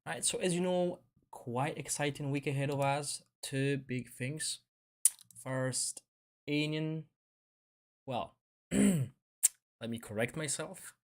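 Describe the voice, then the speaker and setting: A man's voice: medium pitch, slow pace. Chatty man streaming a game. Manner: chatty, rambling with fillers and self-corrections. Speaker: gaming streamer. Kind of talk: casual live-stream commentary.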